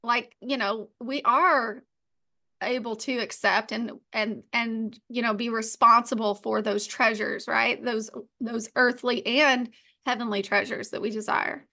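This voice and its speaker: A woman co-hosting a faith-based business podcast, talking in a chatty, animated way, full of "like" and "right.". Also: fairly high pitch, measured pace. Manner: animated, acts out playful quotes. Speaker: podcast co-host.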